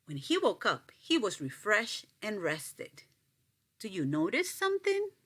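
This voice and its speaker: A woman reading a picture book aloud to children, expressive and asking them questions. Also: mid-range voice, measured pace. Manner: expressive, asks the listeners questions. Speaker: storyteller.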